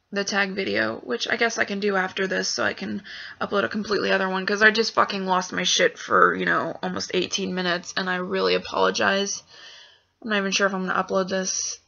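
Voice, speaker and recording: A woman's voice: mid-range voice, creaky, sharp tone. A young woman venting frankly in a vlog, swearing often and full of fillers. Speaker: vlogger. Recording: dull lo-fi webcam audio.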